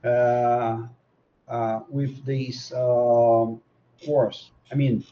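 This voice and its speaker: A man asks his question on an online class, halting and full of fillers. His voice sits in a middle register. The call audio sounds dull. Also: medium pitch, little pitch movement, a little hiss or hum. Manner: hesitant, many uh's and repeats. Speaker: class participant.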